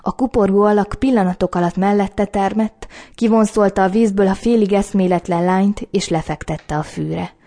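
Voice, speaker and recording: A woman reading a novel aloud as audiobook narration, with calm, measured storytelling. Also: medium pitch. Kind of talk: scripted narration.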